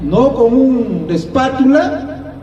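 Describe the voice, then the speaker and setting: A man's voice: very high-pitched, lively intonation, slow pace, a crowd in the background. A man preaching a sermon, emphatic and repetitive, calling his listeners brother. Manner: emphatic, repeats phrases, addresses listeners as brother. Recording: echoey hall, distant dull mic.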